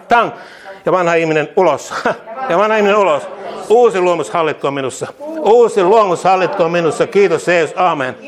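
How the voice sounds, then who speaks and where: A man preaching and leading prayer, repeating each phrase twice with bursts of laughter and exclamations. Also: on the high side. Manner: fervent declarations, calmer teaching later. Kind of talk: charismatic sermon and prayer.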